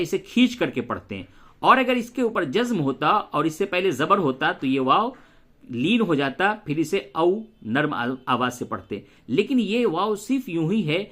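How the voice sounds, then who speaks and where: A man's voice: on the high side, fairly bright tone. Patient man teaching Quran recitation. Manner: patient, spells letters aloud and stretches recited words slowly. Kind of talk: tajweed lesson with slow recitation and spelling.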